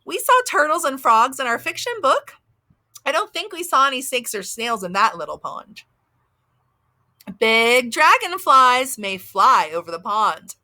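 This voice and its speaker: A woman with a Southern US accent reads to little children in a high, bright voice. She talks like a teacher with a toddler, sing-song and full of simple questions, and her pitch moves up and down a great deal. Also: sing-song, measured pace. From American South. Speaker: early childhood teacher and story reader. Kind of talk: reading aloud to young children with commentary. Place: outdoors by a house.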